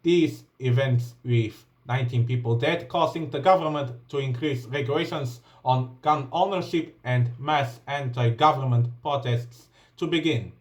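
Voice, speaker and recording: A man with a Bulgarian accent, for whom English is a second language, reads a list of events off a laptop in a mid-range voice. He goes a little slowly with hardly any pauses, but he sounds hesitant, filling the reading with ums and uhs and restarting often. He's a vlogger.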